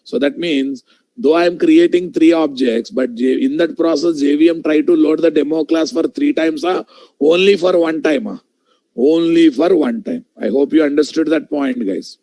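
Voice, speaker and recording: Telugu-accented Indian man teaching, slightly creaky voice. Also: on the high side, moderate pace, dark tone, no room sound. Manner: repeats phrases, checks in with questions, addresses students directly. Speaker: programming instructor. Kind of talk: live online coding lesson.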